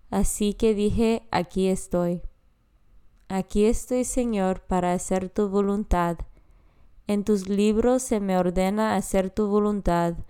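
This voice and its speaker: A woman reads scripture in a slow, reverent devotional style. Her voice is dark and mellow, and it sounds exceptionally smooth and clean. She lets each phrase settle before moving on. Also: mid-range voice. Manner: slow, measured, reverent reading. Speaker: podcast scripture reader.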